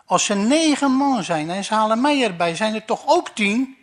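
A man's voice: high voice, lively intonation, a little slow, slightly rough, full character voice. A man voicing a stern, blustering army officer questioning a man in the street. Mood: brusque.

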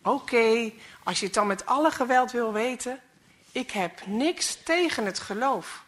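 A woman's voice: a little high, animated, measured pace, a bit bright. A woman reading a story aloud, voicing a cynical, grumpy male flight mechanic who grumbles and scoffs. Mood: grumbling. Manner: grumbling, scornful.

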